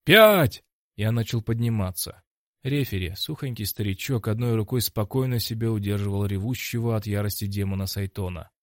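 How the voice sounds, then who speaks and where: A man narrating an action audiobook in the first person, in an even, matter-of-fact manner. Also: lowish voice, fairly quick, no echo, studio quality.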